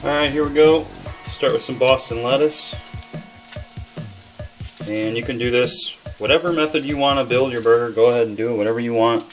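A man's voice: medium pitch, fairly quick, soft background music, low-quality recording. Rambling, cussing man cooking at home. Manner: rambling, swears freely, many ums and uhs. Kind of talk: casual talk to camera while cooking. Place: home kitchen, indoors. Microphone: webcam camera mic.

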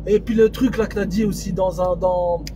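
A man's voice: steady tone, normal speed. A man chatting casually in French suburban street slang, peppered with Arabic religious interjections. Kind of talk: casual chat. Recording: noisy recording with vehicle rumble behind.

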